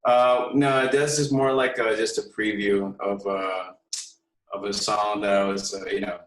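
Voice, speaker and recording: A man from Hong Kong, a guest musician chatting casually in an interview, relaxed and hesitant with many pauses and fillers. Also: on the low side. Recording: echoey room, far from mic.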